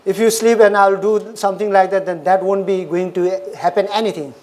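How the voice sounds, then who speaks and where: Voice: mid-range voice, steady tone, brisk, a little mellow. A speaker from Nepal, giving a dharma talk in short, simple, repeated English phrases. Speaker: Buddhist lecturer.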